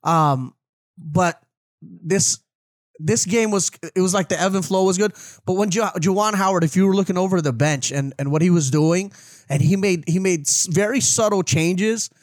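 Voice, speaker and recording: A man's voice: high voice, normal speed, dry recording. A man giving casual sports commentary as a talk show panelist, repeating his points for emphasis.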